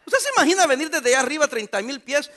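A man's voice: extremely high pitch, fast talker. A man preaching a sermon as pastor, joking and calling out to the congregation. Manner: animated preaching with jokes and calls to the congregation.

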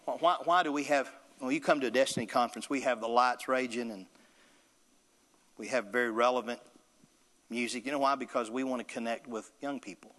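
A man's voice: mid-range voice, fairly quick, a bit bright, in a large hall. A male pastor delivering an emphatic sermon with call-and-response to the congregation.

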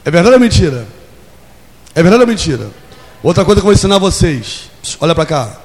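A man's voice: fairly high pitch, very animated, a little fast. A man in his forties preaching a sermon in a church, leading call and response and acting out little scenes. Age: 40s. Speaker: pastor. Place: church hall. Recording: long hall reverb.

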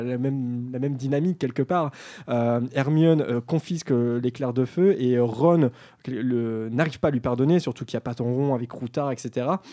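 Mellow man hosting a casual discussion. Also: medium pitch. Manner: hesitant, many fillers, friendly. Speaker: discussion host.

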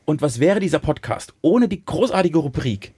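A man's voice: fairly high pitch, lively intonation, normal speed, mellow, slightly rough, dry recording. A man co-hosting a podcast in a studio, playful and joking, often tripping over his own words in casual banter. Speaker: podcast co-host.

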